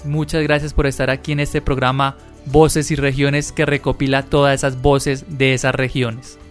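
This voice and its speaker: A man hosting a radio program, asking interview questions in measured, formal phrasing. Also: medium pitch, little pitch movement. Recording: muffled radio audio, faint music behind.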